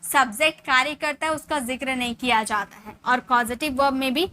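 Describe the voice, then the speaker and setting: Woman, English teacher, high bright voice, slow example sentences, faint background hiss. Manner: asks questions and answers them herself. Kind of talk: spoken English lesson for Hindi speakers.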